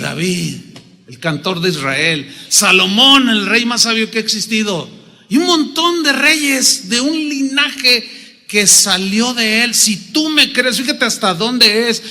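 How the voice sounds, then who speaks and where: A man preaching a sermon as pastor, animated and playful as he acts out the people in the story. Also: high voice, long reverb tail. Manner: animated, acts out biblical figures with humor.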